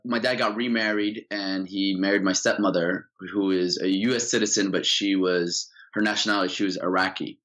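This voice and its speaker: A young man, originally from Saudi Arabia, telling his life story as a guest in a casual interview, earnest and full of fillers. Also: low voice. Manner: earnest, animated, many fillers. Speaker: podcast guest.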